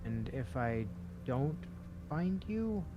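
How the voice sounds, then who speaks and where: A man's voice: mid-range voice, sing-song, takes it slowly, highs cut off. A man chatting casually during a game, with a dry, sarcastic delivery. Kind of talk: casual gaming chat. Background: game music.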